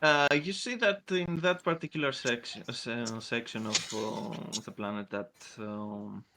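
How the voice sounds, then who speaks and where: Slow, halting man running a tabletop game. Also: mid-range voice, creaky, background noise. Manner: halting, hesitant delivery. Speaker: game master. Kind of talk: improvised tabletop game narration.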